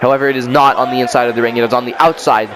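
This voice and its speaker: A man calling a video game wrestling match as play-by-play commentator, shouting and exclamatory with a joking streak. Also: mid-range voice, fairly even intonation, rapid-fire, a crowd in the background, noisy background.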